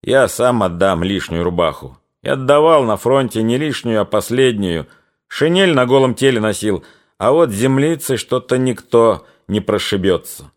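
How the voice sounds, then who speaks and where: A man's voice: medium pitch, expressive, normal speed, lightly acted. A man voicing an earnest rustic Cossack soldier who speaks in folksy, impassioned phrases, in an audiobook reading. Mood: steady.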